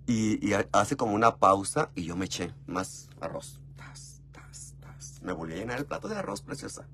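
A man with a Mexican Spanish accent tells a story in a chatty, gossipy way, often calling the listener "mi amor". His voice sits fairly low but leaps up in pitch and loudness as he gets excited. A faint hum runs underneath. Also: moderate pace, pauses often. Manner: expressive, with big jumps in pitch and volume. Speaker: vlogger. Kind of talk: casual storytelling chat.

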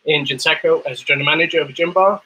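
A man from Zimbabwe, a bartender guest, telling his story in relaxed, rambling chat over a video call. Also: on the high side, very fast, a little hiss or hum, rough recording. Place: dim room at home. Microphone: video call webcam.

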